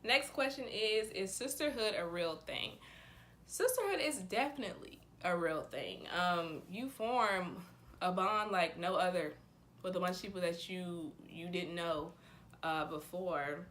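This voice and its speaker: A woman's voice: on the low side, expressive, measured pace, a bit bright, slight background noise. A woman in her twenties chatting casually to camera in a bubbly, enthusiastic sorority-girl manner. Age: 20s. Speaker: vlogger, sorority member.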